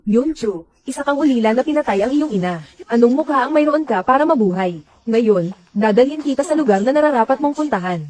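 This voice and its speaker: A woman's voice: on the high side, expressive, a little fast, darkish tone, no room sound, low-quality recording. A woman voicing every character of a dubbed drama in one plain voice.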